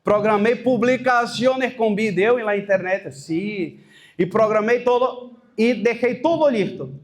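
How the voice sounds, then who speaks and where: Speaking Spanish with a Brazilian Portuguese accent, a high-voiced pastor recounts his own testimony before church leaders. His delivery halts and restarts, with Portuguese words working their way in.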